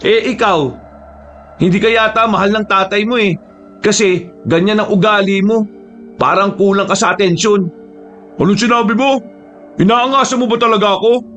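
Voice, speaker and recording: Guy putting on a mean cocky young bully, taunting, voice pushed up high. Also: fairly even intonation, moderate pace, pauses often, a bit bright, faint music behind. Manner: taunting, sneering. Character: arrogant young male bully, mocking and cruel.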